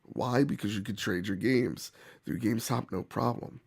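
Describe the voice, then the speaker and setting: A man hosting gaming commentary, speaking bluntly and emphatically in a rough, hoarse voice as if sick. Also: on the low side, normal speed. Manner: emphatic, opinionated, blunt, swearing. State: hoarse from bronchitis. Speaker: gaming channel host. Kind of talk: opinion commentary to camera or viewers.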